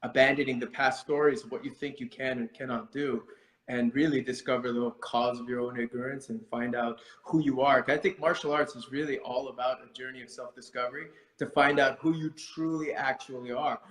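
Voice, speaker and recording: Interview guest: middle-aged man from India, mid-pitched, reflective, echoey room. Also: fairly even intonation, brisk, a bit bright. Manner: thoughtful, with many fillers and restarts. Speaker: guest martial arts instructor.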